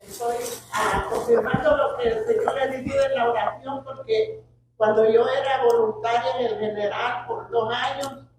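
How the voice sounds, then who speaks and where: A woman's voice: a little high, fairly even intonation, normal speed, a little mellow. A woman in the congregation speaks up earnestly with a testimony. Her voice comes from far off the mic, swimming in heavy room echo with noise around it. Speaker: congregation member. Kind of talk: testimony from the pews. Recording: distant, echoey, noisy room sound.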